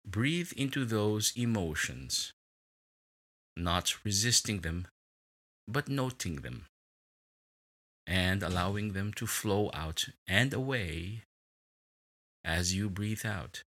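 A man leading a guided relaxation meditation in a slow, soothing way, with long pauses between words. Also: on the low side, lively intonation, a bit bright.

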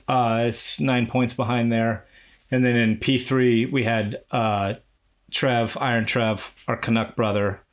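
A man co-hosting a racing podcast, steering the talk from one update to the next. He keeps it chatty and light and laughs easily. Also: medium pitch. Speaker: podcast co-host. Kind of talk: casual chat.

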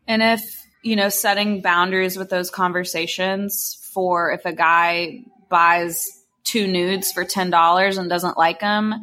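A woman's voice: lowish voice, flat delivery, unhurried, bright, forceful tone. A woman chatting casually and unscripted as a podcast co-host, giving advice in a frank, slangy, sometimes profane way.

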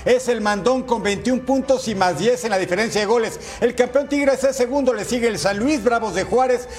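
A man's voice: extremely high pitch, normal speed. A man co-hosting a sports show, commenting on football in a playful, exclamatory way. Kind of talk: excited football highlights commentary and banter. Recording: music bed behind the voice.

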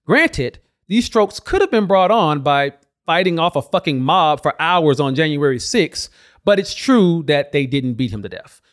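Sarcastic, high-pitched man doing political commentary. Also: sing-song, measured pace. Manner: sarcastic, mocking. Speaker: host.

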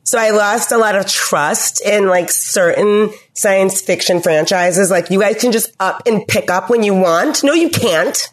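A woman who has lost her voice, talking in a raspy, scratchy, hoarse way in casual, playful podcast chat. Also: medium pitch, unhurried, few pauses. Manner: playful, laughs often.

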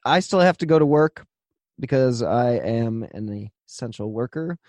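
A man's voice: mid-range voice, animated, normal speed, a little mellow, no room sound. A man hosting a true crime podcast, moving between introduction and casual chat in a studio.

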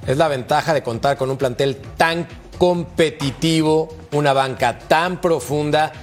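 A man's voice: fairly high pitch, unhurried, faint music behind. A man hosting a sports panel, chiming in briefly and passing questions to the others. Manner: affable, brief interjections, hands off questions.

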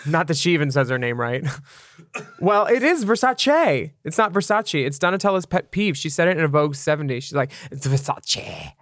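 A man co-hosting a podcast in casual chat, crude and joking with quick asides. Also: on the high side, big pitch swings, a bit bright, no echo, studio quality. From Italian-American. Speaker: podcast co-host.

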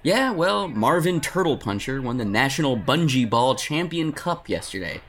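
A man playing a scatterbrained, flippant adventurer in an audio comedy, animated and easily sidetracked. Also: medium pitch, moderate pace. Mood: distracted, excited. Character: scatterbrained, excitable male goofball adventurer. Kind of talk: scripted audio comedy acting.

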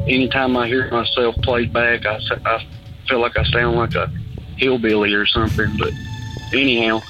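Appalachian-accented Southern man on a tinny phone. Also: mid-range voice. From Alabama, southern United States. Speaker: caller. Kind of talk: casual personal storytelling. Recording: tinny phone line, faint music behind.

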